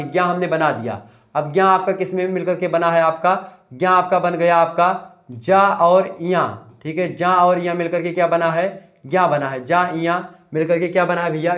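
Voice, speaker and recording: A male teacher giving a revision lecture, asking the class questions and answering them himself, repeating key terms. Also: high-pitched.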